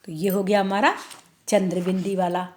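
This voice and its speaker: A woman teaching an online class for young children, drawing words out slowly and often checking in with the pupils. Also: medium pitch, flat delivery, darkish tone. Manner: slow, drawn-out word-by-word reading, tag questions to pupils. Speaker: primary school teacher.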